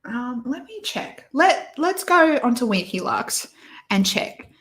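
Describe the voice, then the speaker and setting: A woman hosting a relaxed beauty chat, talking slowly and thinking aloud. She is opinionated, rambles through her fillers and restarts herself often. Her voice rings a little in an echoey room. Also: on the high side. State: hiccups and sneezy. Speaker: beauty YouTuber host. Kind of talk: casual livestream chat reviewing releases.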